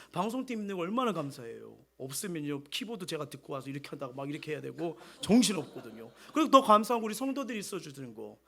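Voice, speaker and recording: Male pastor, middle-aged, Sunday sermon; high voice with a wide, animated range. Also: vocal fry. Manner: animated preaching, swings between loud exhortation and soft quoted asides.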